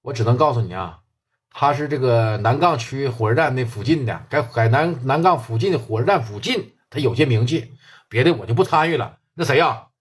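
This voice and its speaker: Brief: a man playing a jittery Northeastern hanger-on who stammers and dodges, husky voice, pitch jumping about. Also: animated, fairly quick. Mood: evasive. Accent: Northeastern Mandarin. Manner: hesitant, stammering, evasive. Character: nervous middle-aged male gangland acquaintance, evasive.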